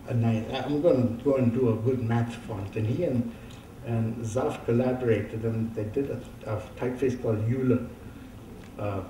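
A man, giving a conference keynote in a halting, reminiscing way with many fillers. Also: medium pitch, warm tone, a little hiss or hum. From India. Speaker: keynote speaker. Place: large dark auditorium stage. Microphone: lectern microphone, heard from far off. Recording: roomy hall sound from a distant camera.

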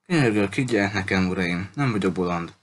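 A man's voice: low voice, expressive. Man reading as an anxious pleading woman. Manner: pleading, polite. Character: anxious earnest woman guiding a boat search.

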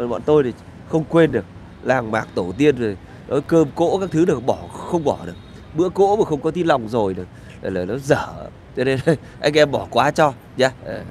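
In a casual street vlog, a middle-aged man rambles through a crude, sarcastic rant laced with swearing. His mid-range voice is a little mellow, with lively intonation and a moderate pace. A little hiss or hum can be heard.

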